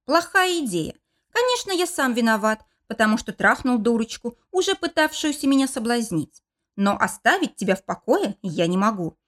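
A woman voicing a bossy, domineering young man in an audiobook, giving curt orders in her own lively, fairly high voice. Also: normal speed. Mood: scolding. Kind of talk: audiobook character voice.

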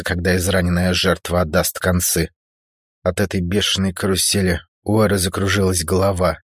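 Low, husky male audiobook narrator. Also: no room sound, clean studio sound. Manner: measured, dramatic storytelling.

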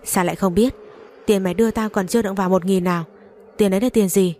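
A woman's voice: mid-range voice, fairly even intonation, fast, mellow, lightly acted. A woman voicing a stern middle-aged mother who scolds and laments. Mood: scolding.

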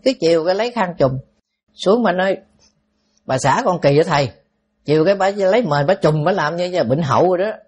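A man, a Buddhist monk telling a story in a lively, anecdotal way, with asides to the audience. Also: sits high, quick pace, slightly rough, lo-fi sound. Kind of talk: storytelling sermon.

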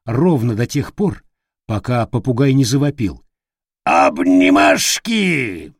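A man narrating an audiobook with an expressive storytelling manner and a husky voice. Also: medium pitch, normal speed, dry recording, clean studio sound.

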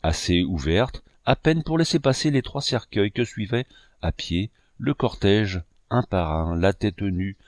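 Solemn low-voiced man reading a novel. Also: expressive, a little slow, dry recording, clean studio sound. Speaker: audiobook reader. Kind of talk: scripted narration of a novel.

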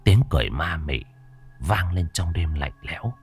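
A man reading a ghost story aloud in an animated, theatrical style. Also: very deep voice, normal speed, faint music behind. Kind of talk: dramatic ghost story narration.

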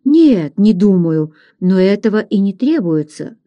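A woman reading aloud, voicing a gruff, blunt frontier hunter who talks in a low, plain manner. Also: big pitch swings, a little slow, warm tone, muffled recording.

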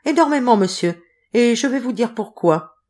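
A woman's voice: fairly high pitch, animated, normal speed, a little mellow, pitched above the performer's own voice. A woman voicing a sententious male magistrate. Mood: grave.

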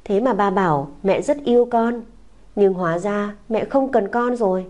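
Speaking at a moderate pace, a woman with a natural, medium-pitched, somewhat dark voice plays a little boy in an audiobook. The child clings to someone and begs through tears, his voice sobbing and whiny.

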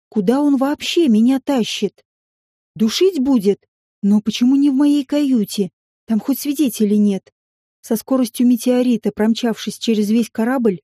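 A woman narrating a novel in the first person with a lively, expressive reading. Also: a little high, no room sound, clean studio sound. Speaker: audiobook narrator.

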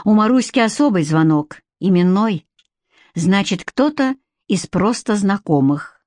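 Expressive woman narrating an audiobook. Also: mid-range voice, unhurried, no room sound, clean studio sound. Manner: expressive, lively reading.

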